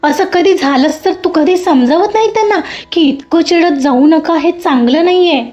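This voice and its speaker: A woman's voice: very high-pitched, moderate pace, darkish tone. A woman voicing a caring, outspoken young woman office worker who talks firmly. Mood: indignant. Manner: firm, outspoken. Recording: dull lo-fi audio with faint music.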